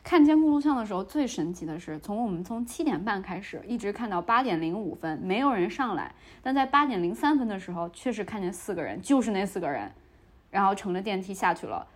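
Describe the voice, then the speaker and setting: A young woman hosting a podcast tells a story in casual chat, speaking fast in a mid-range voice. She retells it with energy, acting out the dialogue as she goes.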